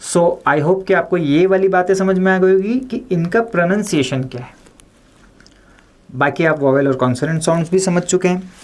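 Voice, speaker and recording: A woman's voice: lowish voice, moderate pace, darkish tone. A woman giving an online language lesson, explaining plainly, mixing Hindi with English phrases and inviting viewers to comment. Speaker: English teacher.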